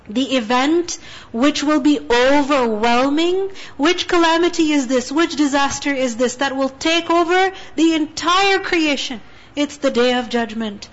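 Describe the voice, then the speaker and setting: A woman giving an earnest sermon, asking rhetorical questions and reciting verses before explaining them. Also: sits high. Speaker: Islamic teacher. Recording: dull lo-fi recording.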